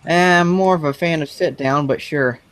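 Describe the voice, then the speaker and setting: A teenage man chatting casually over a voice call, his voice robotic and distorted, with deadpan quips. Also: a little high, normal speed. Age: late teens. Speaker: guest writer. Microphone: headset over voice call.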